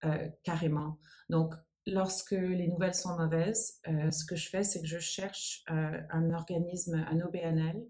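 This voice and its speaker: Fairly low and dark, her voice stays flat at a measured pace. She is a nonprofit founder in her forties, a native English speaker whose French carries an English accent, giving thoughtful interview answers while groping for words.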